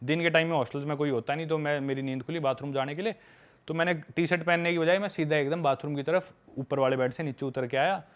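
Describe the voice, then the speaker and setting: A man's voice: a little high, fairly even intonation, fast. A young man chatting casually on a podcast, telling candid travel stories and addressing the listener as a buddy. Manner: candid storytelling, calls listeners "bhai".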